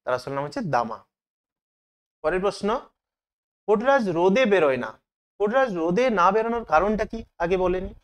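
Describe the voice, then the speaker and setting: Man, teacher, exam question review, asks and answers his own questions, animated pitch. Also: brisk, long pauses, smooth. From Bengal.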